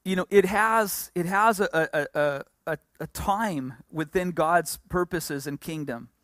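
A woman explains scripture in short stretches, stumbling and restarting as she goes. Her voice sits low and the sound is dry. She waits between phrases for her interpreter. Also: no echo. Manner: halting, many fillers and restarts. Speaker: preacher. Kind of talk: Bible teaching with live interpreter.

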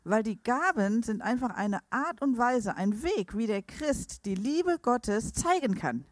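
A woman's voice: on the high side, animated, unhurried, no room sound, clean studio sound. A woman interpreting a sermon live into German, reading scripture and rendering each phrase with hesitations and self-corrections.

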